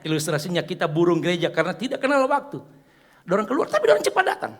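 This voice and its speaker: A man preaching a church sermon, joking with the congregation and swinging from soft asides to loud exhortation. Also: high voice, wildly swooping pitch, rapid-fire, in a large hall. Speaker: pastor.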